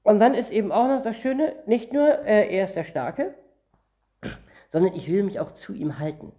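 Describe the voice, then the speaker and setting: Preaching a sermon meant to teach the Bible, a northern German man reads verses and explains them one word at a time in an easygoing, conversational tone. His voice is high and dark, and he speaks at a normal speed.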